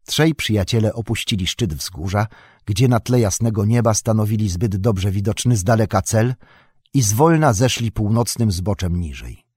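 A man narrating a fantasy audiobook in an even, unhurried storytelling manner. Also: lowish voice, slightly rough, dry recording, clean studio sound.

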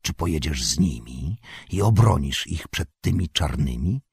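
Strider, a man doing a grim calm ranger. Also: gravelly, slightly rough, no room sound, heavily acted. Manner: calm, low and measured. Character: grim watchful male ranger, calm and wry.

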